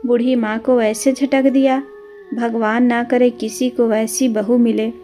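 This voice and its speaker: A woman's voice: on the high side, level tone, unhurried, dark tone, soft background music, close to an everyday voice. A woman voicing a gossiping village woman. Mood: disapproving. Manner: scandalised gossip.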